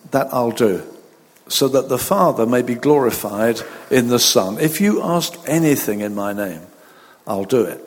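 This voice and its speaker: A man, a pastor at a pulpit microphone, reading scripture, praying and preaching in a measured, deliberate way. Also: medium pitch, breathy edge. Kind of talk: sermon with scripture reading and prayer. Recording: long reverb of a large hall.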